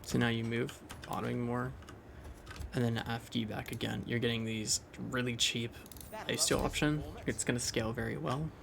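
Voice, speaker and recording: A man's voice: mid-range voice, flat delivery, normal speed, vocal fry, noisy background. A young man casually thinking aloud as he explains a game build over gameplay, loose and rambling with restarts. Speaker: game commentator.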